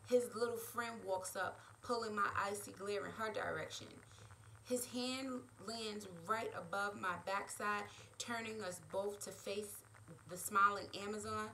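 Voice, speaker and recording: Slow, bright-voiced woman reading her novel. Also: mid-range voice, steady tone, slight background noise, poor audio. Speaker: author.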